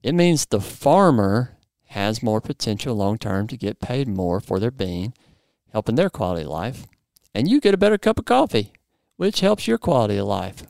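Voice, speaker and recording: A man's voice: fairly low pitch, sing-song, normal speed, vocal fry, a little mellow, no room sound, studio quality. A man in his forties hosting a podcast, explaining in an upbeat, playful way and interviewing a guest. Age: 40s. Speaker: podcast host.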